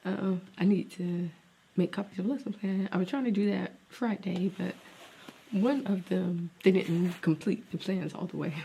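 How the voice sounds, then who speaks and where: With slight background noise, a young woman speaks in a fairly low, gravelly, mellow voice while vlogging casually to camera. She teaches special education, has a Southern US accent and a cold-induced congestion, and she rambles, thinks aloud and drops at times to a near-whisper.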